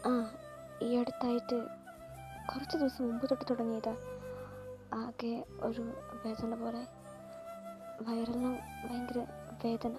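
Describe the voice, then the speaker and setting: Brief: a woman as a tearful young expectant wife, high and shaky, amateur audio drama over clear background music. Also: flat delivery, moderate pace, long pauses, close to an everyday voice. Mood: weak.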